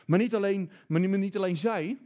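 A man's voice: high-pitched, a little fast, mellow. A man preaching a sermon, emphatic and often repeating words as he builds his points.

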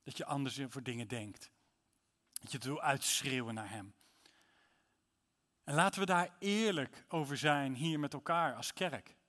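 A man's voice: a little high, a bit bright, big-room sound. A man preaching a sermon in church, reading psalms aloud with rising intensity. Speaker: pastor.

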